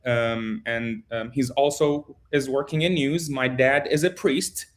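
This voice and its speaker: Halting man from Egypt on a call. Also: mid-range voice, steady tone. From born in Jordan, grew up in Egypt. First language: Arabic. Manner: halting, many ums and restarts. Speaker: guest, photojournalist. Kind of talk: casual interview over video call.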